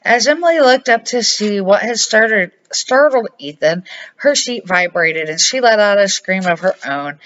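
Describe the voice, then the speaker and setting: A grandmother, reading as an amateur, narrates a children's storybook aloud. Her voice is mid-range and a bit bright, captured in a dull, lo-fi home recording.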